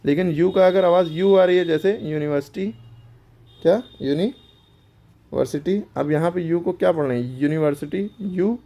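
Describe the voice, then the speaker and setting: Male teacher, mellow voice. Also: high-pitched, moderate pace. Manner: explains step by step, asks and answers his own questions. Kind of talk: grammar lesson for schoolchildren.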